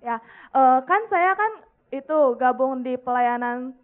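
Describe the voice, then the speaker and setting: A young adult woman with a high voice asks the preacher a question from the audience. She speaks politely and hesitantly. The audio is thin and tinny, like a phone line. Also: lively intonation, slow. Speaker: audience member asking a question.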